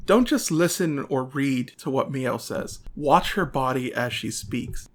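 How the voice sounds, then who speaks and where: A man's voice: mid-range voice, fairly bright tone. A man delivering scripted narration with commentary, in the manner of a video reviewer recapping a film.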